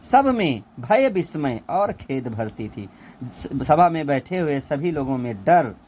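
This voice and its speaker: A man teaching a Hindi poem, reciting verses in a sing-song voice and explaining them line by line, clearing his throat now and then. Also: on the high side, sing-song, slow, a little mellow, a little hiss or hum. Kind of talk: explaining a poem in a class lesson.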